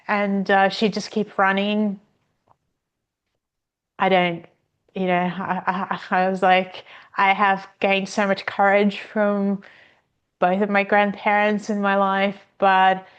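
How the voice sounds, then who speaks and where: A woman as a podcast guest, telling stories in an unhurried way with many pauses and restarts. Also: mid-range voice, clean tone, dull audio. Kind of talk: casual interview conversation.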